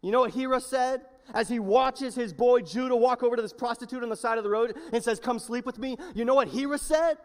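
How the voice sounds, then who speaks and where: A male pastor preaching a sermon, swinging between hushed, slow lines and loud, yelled appeals. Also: extremely high pitch. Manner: impassioned, shifts from hushed to yelling. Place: large church hall. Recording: long reverb of a church hall.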